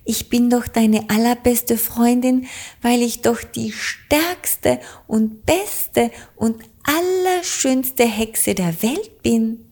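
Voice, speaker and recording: High bright little witch girl, boasting and loud, a woman putting her on. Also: slow pace. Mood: boastful. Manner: lively, proud, exclaiming.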